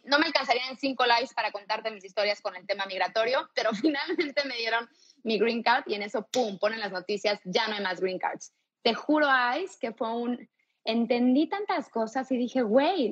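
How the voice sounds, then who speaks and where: A woman from Mexico with a Mexican Spanish accent, a fitness coach, talks candidly and energetically as a guest in a casual interview, swearing freely. Her voice is fairly high and slightly rough, and the recording sounds muffled.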